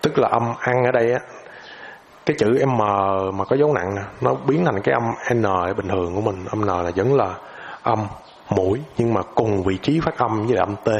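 A male teacher, his voice at an ordinary middle pitch, explains a lesson loosely and informally. He often hesitates and repeats filler words while hunting for his next point, with a faint hiss underneath.

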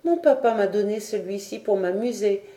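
A woman reading a storybook, voicing a naive, gentle young girl close to her own voice. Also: medium pitch, normal speed, natural voice. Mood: innocent. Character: simple, candid young girl, painter's daughter. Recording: roomy echo.

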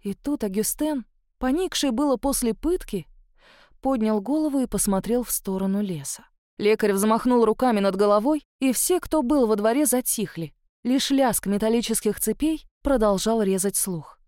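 A woman's voice: on the high side, normal speed, warm tone, dry recording, studio quality. A woman reading a novel aloud in first person, voicing a young heroine. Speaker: audiobook narrator.

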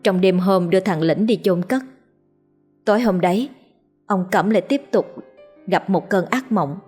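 A woman narrating a ghost story in a steady, dramatic reading voice. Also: medium pitch, normal speed, husky, faint music behind.

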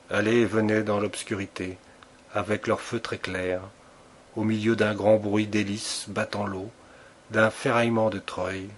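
A man's voice: lowish voice, slight background noise. Man narrating a classic sea story. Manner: measured storytelling with vivid emphasis. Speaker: audiobook narrator. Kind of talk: literary audiobook narration.

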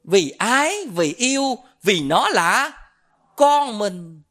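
A man's voice: high-pitched, sing-song, slow pace, fairly bright tone. A middle-aged man with a Southern Vietnamese accent giving a Buddhist dharma talk as a monk, telling stories and quizzing his listeners with questions. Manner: storytelling, quizzes the audience with questions.

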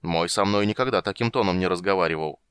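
A man's voice: sits low, fast talker, a bit bright, clean tone, dry recording, clean studio sound. A man doing Perith, a roaring old gold dragon. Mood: bellowing. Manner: roaring, solemn, easily confused. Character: old half-blind male gold dragon, bellowing and grand.

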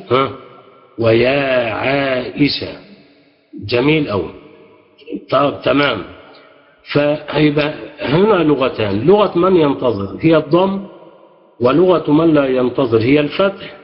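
A man with an Egyptian Arabic accent, teaching an Arabic grammar class, patiently prompting students and praising their answers. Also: medium pitch. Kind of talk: interactive class with questions to students. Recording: echoey, dull lo-fi sound.

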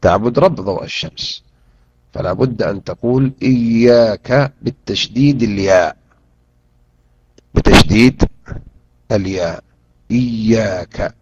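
A man teaching a Quran interpretation lesson, drilling pronunciation and repeating words slowly and deliberately. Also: on the low side, creaky, husky. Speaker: Islamic teacher. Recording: dull lo-fi recording.

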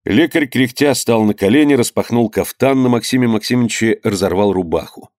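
A male narrator reads a historical tale in a calm, measured way. His voice sits at a middle pitch, recorded dry and close with no room around it. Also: no room sound. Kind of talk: audiobook narration of a historical novel.

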